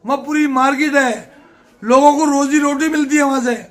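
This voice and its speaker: Older man, political candidate, plain-spoken, emphatic, high voice. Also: steady tone, normal speed. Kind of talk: interview answers.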